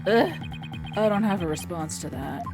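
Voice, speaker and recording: A woman's voice: fairly low pitch, measured pace. A woman streaming a game live, chatting playfully and reading the dialogue aloud. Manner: animated, playful, laughs often. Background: game music.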